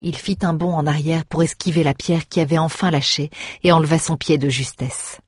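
Husky low-voiced lady reading a fantasy book, steady pace. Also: no echo, studio quality. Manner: steady, measured storytelling. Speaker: audiobook reader. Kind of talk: scripted fantasy narration.

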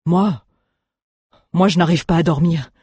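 A storyteller voicing an anxious, excitable adult townsman who exclaims in alarm. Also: mid-range voice, unhurried, breathy edge, no echo. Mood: agitated. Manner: agitated, exclaiming.

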